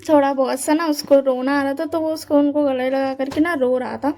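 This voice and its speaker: A woman's voice: sits high, steady tone, brisk, dark tone. A woman who wrote the story retelling it in a chatty, repetitive way, mixing in English words. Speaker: fanfiction author and narrator.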